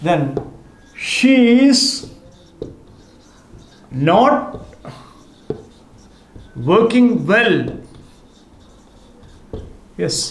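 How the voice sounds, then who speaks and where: Man, Kerala accent, English teacher, slow deliberate delivery, repeats examples, echoey room. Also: high voice, a little hiss or hum. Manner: slow, repeats each example, stresses the tags. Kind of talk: classroom grammar lesson.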